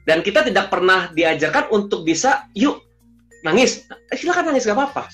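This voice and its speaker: A man who coaches emotional intelligence, explaining in an animated, conversational way and mixing English phrases into his speech. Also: sits high, fast talker, soft background music. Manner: lively storyteller, mixes English phrases into speech.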